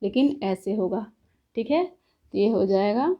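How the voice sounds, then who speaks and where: A woman teaching a lesson, explaining step by step, asking herself questions and pausing often to check in. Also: mid-range voice, expressive, highs cut off. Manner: says "ठीक है" after points. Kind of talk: classroom lecture.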